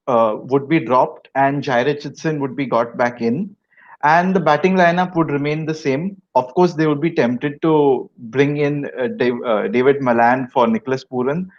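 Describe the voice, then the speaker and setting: A man who is a guest cricket fan, giving a measured, hesitant analysis with many fillers. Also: medium pitch, highs cut off. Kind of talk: casual analysis on a video chat.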